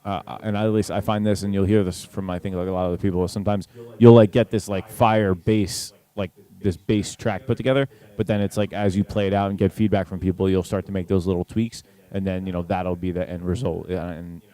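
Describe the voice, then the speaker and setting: Chill young guy hosting a podcast, low mellow voice, says dude a lot. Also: little pitch movement, a little fast, few pauses. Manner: laid-back, lots of "like" and "dude". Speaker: podcast co-host. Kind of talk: casual chat.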